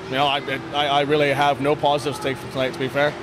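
In a noisy indoor sports hall with blue block walls, a sports coach in his thirties gives a casual, candid post-game interview into a handheld microphone. His mid-range voice has a flat delivery, and he speaks plainly and haltingly, repeating words, with background ambience audible throughout.

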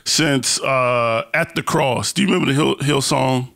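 A podcast host interviews a guest in a casual, personal chat, speaking in a mid-range, gravelly, slightly bright voice at normal speed. He's candid and slangy, makes fun of himself, and keeps repeating phrases while he hunts for words.

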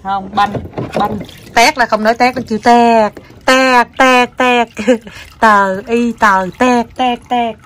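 A woman's voice: fairly high pitch, fairly even intonation, slow, a bit bright, a little hiss or hum. A woman in her thirties, a mother chatting casually to camera and laughing as she retells her child's words. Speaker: mother and vlogger.

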